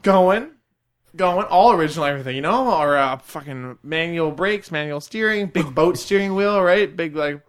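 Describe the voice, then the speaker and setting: A young man telling a rambling, animated story in casual chat, swearing freely and laughing through it. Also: a little high, moderate pace.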